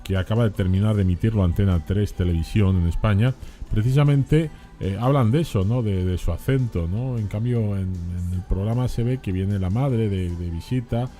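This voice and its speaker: Low mellow guy on a radio talk show, chatty, lots of restarts, faint music under. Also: normal speed. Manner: conversational, hesitant with many restarts. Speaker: radio host.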